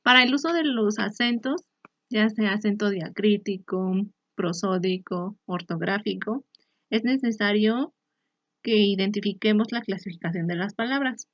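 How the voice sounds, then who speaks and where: A woman teacher explaining a lesson in a clear, measured way, sometimes restarting a phrase. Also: mid-range voice, no room sound. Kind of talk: recorded online lesson. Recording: dry, slightly muffled recording.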